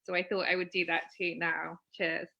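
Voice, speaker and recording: Woman, crisp bright voice, scripted measured talk. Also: on the low side, little pitch movement, highs cut off. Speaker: panel speaker. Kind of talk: read prepared talk.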